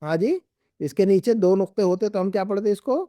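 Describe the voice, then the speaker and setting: A man's voice: high voice, a little fast, dark tone, dry recording. A middle-aged man teaching an Arabic class, patiently repeating and drilling words with his students. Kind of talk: classroom lesson.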